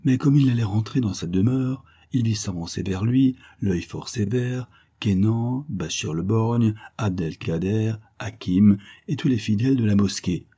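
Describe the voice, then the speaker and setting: A male storyteller reading a tale in a measured, expressive way. His voice is low and husky, with a warm, mellow tone. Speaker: narrator.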